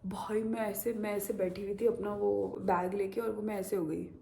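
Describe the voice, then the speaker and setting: A woman's voice: mid-range voice, normal speed, creaky, a little hiss or hum. A young woman telling a story casually to camera as a vlogger, acting out the voices of the people in it. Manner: animated, acts out quoted voices.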